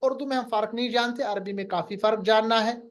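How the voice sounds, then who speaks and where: A woman's voice: a little high, fast. A woman teaching Quran recitation rules step by step, patiently explaining and quizzing her students.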